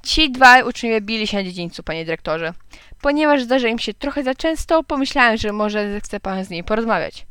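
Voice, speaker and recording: A woman's voice: on the high side, lively intonation, a little fast, a bit bright, clean tone, no room sound. A woman reading aloud and voicing a strict, firm male school supervisor who scolds the boys. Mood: formal. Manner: stern, scolding.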